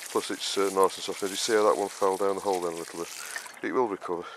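Sitting low and steady in tone, this man's voice races as he shows off his vegetable allotment on camera. The gardener and host rambles through his planting step by step, with frequent fillers and restarts. His casual tour is captured in noisy outdoor audio with rural background sounds.

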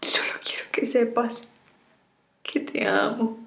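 An actress in her thirties playing a sorrowful woman in a dramatic farewell monologue to her lover, tearful and halting, often breaking into whispers. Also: on the high side, little pitch movement, vocal fry, fairly bright tone, heavily acted. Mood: tearful grief. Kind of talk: dramatic monologue, acted farewell video message. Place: small bare indoor room. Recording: roomy echo of a bare room.

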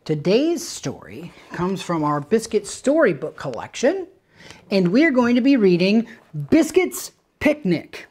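A man reading a picture book aloud to young children as their teacher, talking slowly with a friendly storyteller's manner. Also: sits high, slightly rough. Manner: slow, warm, animated storyteller.

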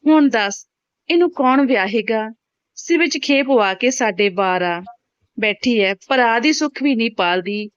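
A woman's voice: on the high side, lively intonation, a little slow, no room sound. A woman voicing a bitter old grandmother who scolds and blames her granddaughter. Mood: scornful. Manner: scolding, spiteful. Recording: dull, dry home recording.

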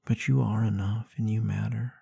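Man playing a husky, tender boyfriend in ASMR role-play. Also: fairly low pitch, flat delivery, moderate pace, no room sound, heavily acted. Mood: protective, reassuring. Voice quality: breathy, husky. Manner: soft, intimate, reassuring murmur with breathy hums. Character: tender, protective, gently dominant boyfriend at bedtime. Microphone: close microphone in a dry space.

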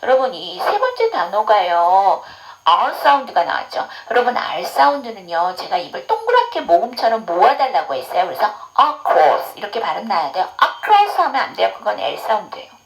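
Lively woman teaching English phonics. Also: mid-range voice, brisk, rough recording. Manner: explains patiently, asks the class questions. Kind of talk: online English phonics lesson.

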